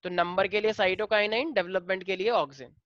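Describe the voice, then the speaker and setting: A male teacher with an Indian accent explaining biology to a class, switching between Hindi and slowly dictated English lines. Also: sits high, no room sound, highs cut off.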